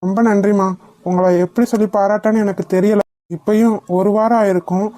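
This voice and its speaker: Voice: mid-range voice, steady tone, a little fast, dark tone, no echo, lightly acted. A voice actor doing a grateful, protective brother figure. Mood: earnest. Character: grateful, protective young man, like an elder brother. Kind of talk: cartoon voice acting.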